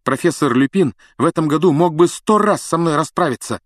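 A man voicing a defiant teenage boy who pleads and shouts in a strained, raised voice. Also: on the high side, fairly quick, dry recording, studio quality, pitched above the performer's own voice, lightly acted. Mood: pleading. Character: defiant teenage boy wizard, brave and desperate.

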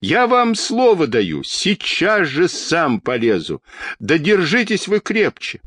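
A man's voice: on the high side, wildly swooping pitch, takes it slowly, a bit bright, dry recording, clean studio sound, pitched above the performer's own voice, full character voice. A man reading a storybook aloud and voicing an anxious, pale-faced man who begs someone to come down. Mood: pleading. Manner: pleading, imploring.

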